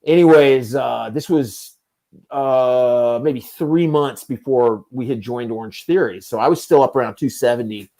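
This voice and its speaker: A man in his fifties hosts a casual chat, telling long, rambling, self-mocking stories. His voice is medium-pitched and dark in tone, and he speaks a little slowly.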